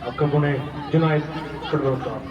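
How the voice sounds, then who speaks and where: Male play-by-play football commentator, voice a bit high, picked up from afar with a crowd behind. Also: moderate pace, highs cut off. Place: outdoors at a football ground. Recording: echoey, distant mic, crowd noise. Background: crowd noise.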